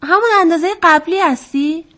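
Woman putting on a shrill boastful little toad. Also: sing-song. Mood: anxious. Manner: shouting, eager, showing off.

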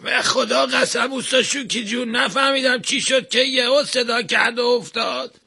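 A man voicing a calm, clumsy male workman who protests his innocence in an unhurried way. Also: very high voice, gravelly, breathy edge, soft background music, pitched above the performer's own voice, exaggerated voice. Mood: unbothered.

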